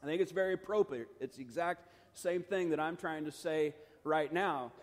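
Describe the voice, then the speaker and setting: A man's voice: fairly high pitch, moderate pace, big-room sound. A middle-aged man leading a Bible study, talking earnestly and conversationally with lots of fillers and restarts. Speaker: pastor.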